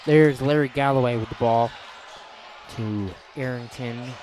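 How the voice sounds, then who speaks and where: A young man calling a high school basketball playoff game play by play, getting loud at the big plays. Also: steady tone, measured pace, slight background noise. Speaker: play-by-play announcer. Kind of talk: live basketball commentary.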